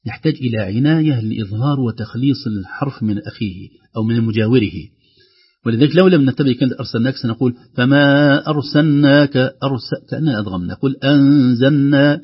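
Husky man teaching recitation. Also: medium pitch, muffled recording. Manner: explains calmly, chanting verse examples slowly. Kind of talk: radio recitation lesson.

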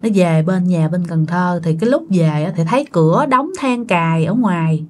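A woman's voice: lowish voice, moderate pace. A woman with a Southern Vietnamese accent telling a ghost story in a loose, chatty way, often speaking straight to her listeners. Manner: chatty, addresses listeners directly, many fillers. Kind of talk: casual spoken ghost story.

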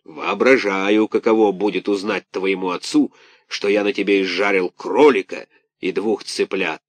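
A man doing a gruff bellowing puppet master. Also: sits low, no echo. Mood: gruff questioning. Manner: loud, slow, barking shouts. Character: huge bearded puppet master, gruff, bad-tempered, sneezing.

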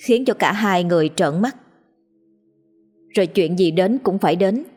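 Brief: lower-voiced woman storyteller, steady expressive narration, faint music bed. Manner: measured, expressive reading. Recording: soft background music.

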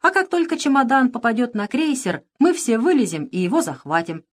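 A woman voicing a scheming, bossy pirate queen in an audiobook, sharp and commanding, turning sugary when she flatters. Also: on the high side, a little fast, pitched above the performer's own voice. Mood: domineering. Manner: bossy, sharp, feigning sweetness. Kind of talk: audiobook character reading.

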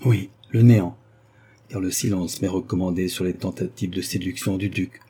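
A man's voice: low-pitched, steady tone, moderate pace, warm tone, a little hiss or hum, close to an everyday voice. A man reading the lines of an earnest young lawyer who speaks urgently and insistently. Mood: grave. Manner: urgent, pleading.

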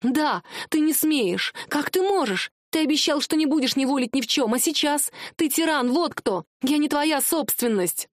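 A woman's voice: high voice, a little fast, darkish tone, no echo, clean studio sound, voice pushed up, close to an everyday voice. A woman voicing a desperate, defiant young wife in an audiobook, pleading and heated.

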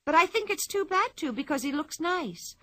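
A woman's voice: extremely high pitch, very animated, normal speed, fairly bright tone, dry recording, clean studio sound, voice pushed up, exaggerated voice. A woman voicing a bold, cheerful, strong little girl who talks in a carefree, matter-of-fact way.

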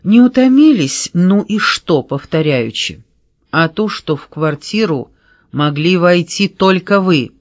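A man reading a sharp-witted male private detective in an audiobook, pressing a suspect with sarcastic questions. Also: high-pitched, expressive, takes it slowly, no echo, studio quality, voice pushed up, full character voice.

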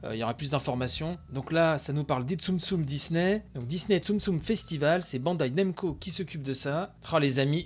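Tired, excitable man reacting live. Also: on the high side. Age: adult with young son. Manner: excitable, chatty, many fillers. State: very tired, late at night. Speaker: video game channel host.

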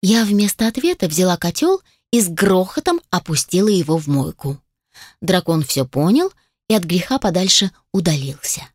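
A woman narrating a first-person fantasy audiobook in a wry, expressive storytelling manner. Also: lowish voice, moderate pace, dry recording, clean studio sound.

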